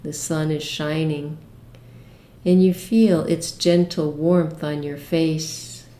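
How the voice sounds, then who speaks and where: Gentle and soothing, a woman with a low, steady voice takes listeners through a guided imagery meditation, pausing at length. Her voice carries reverb.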